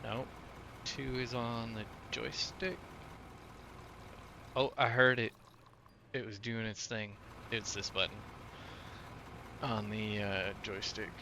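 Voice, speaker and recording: Long pauses break up this Illinois man's slow, level, lowish speech, and the background is noisy. A Midwestern-accented gaming streamer, he chats casually and rambles to viewers with plenty of filler as he plays.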